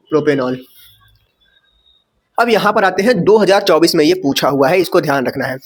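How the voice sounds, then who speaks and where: A man teaching chemistry in a casual lecture, chatty, asking questions and correcting himself as he writes. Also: high-pitched.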